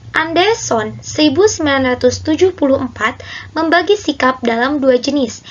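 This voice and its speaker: High-voiced young woman on a dull recording. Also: breathy edge. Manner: explanatory, sums points up in her own words. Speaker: student presenter. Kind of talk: explaining a class presentation.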